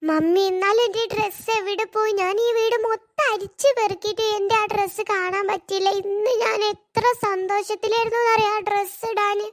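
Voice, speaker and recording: Woman voicing a tearful, pleading young cartoon girl, very high piping voice. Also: steady tone, normal speed, hardly any pauses. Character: upset young girl missing her dress.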